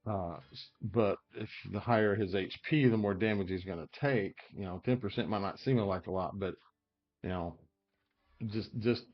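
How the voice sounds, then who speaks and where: Lots of fillers and hiccups mark this casual gameplay commentary, as a game guide creator thinks aloud about character builds. His voice is lowish, and the audio sounds dull.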